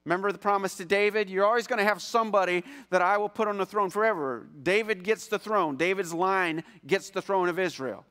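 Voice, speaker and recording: A man preaching a sermon as pastor, animated, swinging from loud emphasis to hushed tones and acting out voices from scripture. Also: high voice, brisk, few pauses, smooth. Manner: acts out biblical voices mid-sermon.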